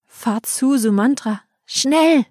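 Urgent young prince in a storybook reading, high and commanding, as a woman puts him on. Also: moderate pace, darkish tone, no echo, studio quality. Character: young male prince urging his charioteer on.

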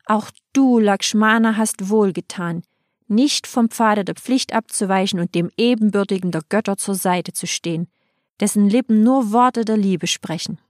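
A woman's voice: medium pitch, moderate pace, dry recording, clean studio sound, close to an everyday voice. Woman voicing grieving, pleading townsfolk. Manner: pleading, lamenting.

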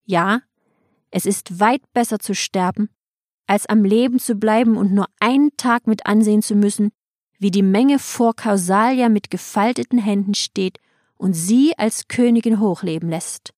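A woman's voice: medium pitch, moderate pace, darkish tone, no room sound, studio quality, lightly acted. A woman reading as a proud, vengeful queen who insists harshly on her demands, in an audiobook. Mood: demanding. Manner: imperious, insistent reproach.

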